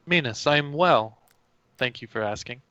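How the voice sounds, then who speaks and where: A man playing a tabletop game, relaxed and polite in character. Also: mid-range voice, unhurried, no room sound, rough recording. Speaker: player. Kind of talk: casual tabletop game talk.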